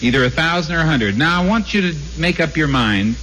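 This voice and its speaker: A man's voice: a little high, lively intonation, bright, forceful tone. Man hosting a quiz on an old broadcast disc. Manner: brisk, teasing, spells words out letter by letter. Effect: old broadcast disc playback. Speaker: quiz show host. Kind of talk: 1950s radio quiz hosting. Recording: noisy old radio transcription disc.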